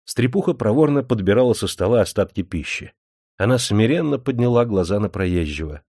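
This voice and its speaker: A man narrating an audiobook in an expressive storytelling manner. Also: on the low side, a little fast, breathy edge, no echo, clean studio sound. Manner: expressive storytelling with many voices. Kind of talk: scripted narration.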